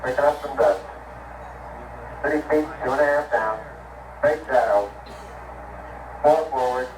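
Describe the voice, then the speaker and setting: A man giving terse, calm technical callouts over a crackly space-to-ground radio link, replayed from archive audio. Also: mid-range voice, measured pace. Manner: clipped, calm, numeric reports. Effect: crackly space-to-ground radio transmission. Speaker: astronaut and mission control callouts. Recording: distant noisy radio audio replayed in a hall.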